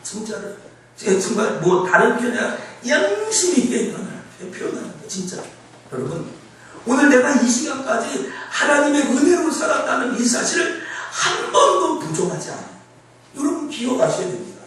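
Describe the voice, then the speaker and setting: Male pastor, sermon, high lively voice, echoey sanctuary, distant mic, faint background noise. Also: normal speed. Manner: animated, conversational, asks the congregation. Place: church sanctuary. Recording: echoey church hall from far off.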